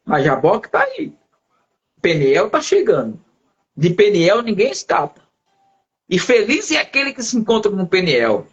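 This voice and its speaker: A man with a notably high voice tells stories in the way a preacher does. He slips into the voices of the people he meets and then drops back into his own narration. The sound is dull and lo-fi, like audio from a live stream. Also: a little slow, pauses often. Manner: lively storyteller who acts out quoted voices. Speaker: pastor. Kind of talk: testimony storytelling in a live conversation.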